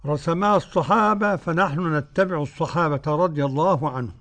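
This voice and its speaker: An older man with an Egyptian accent teaching Quran recitation rules, drawing out verses slowly and explaining them quickly. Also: a little high, a bit bright. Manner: slow drawn-out recitation alternating with quick colloquial explanation.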